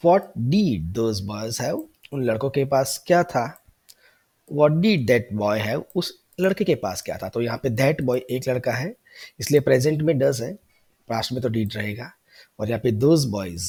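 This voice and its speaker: Husky man teaching grammar patiently. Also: mid-range voice, a little mellow. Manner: patient, repeats model sentences slowly. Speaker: English tutor. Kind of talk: explanatory grammar lesson.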